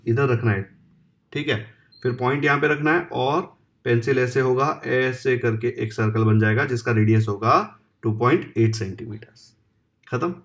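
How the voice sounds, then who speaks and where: A man teaching a maths lesson in a casual mix of Hindi and English, asking his students rhetorical questions and reading the question text slowly. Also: mid-range voice. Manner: chatty, asks the class rhetorical questions and answers them. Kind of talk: casual Hinglish exam-prep lesson.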